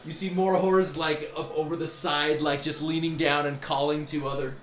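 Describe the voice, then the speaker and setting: Male game master, animated narration, fairly high voice, echoey room. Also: moderate pace. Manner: animated, laughs often, lots of "like".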